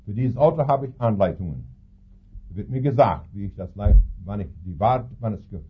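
A man's voice: fairly low pitch, expressive, fairly quick, dull audio, a little hiss or hum. A man preaching a sermon, telling stories and acting out the people in them as he goes. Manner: storytelling, acts out the voices of people in his stories.

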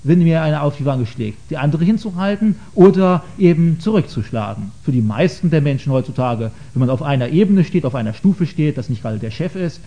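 A man giving a lecture on faith to an audience, earnest and hesitant, often pausing with filler sounds. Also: on the high side, lively intonation, creaky. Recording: dull lo-fi recording.

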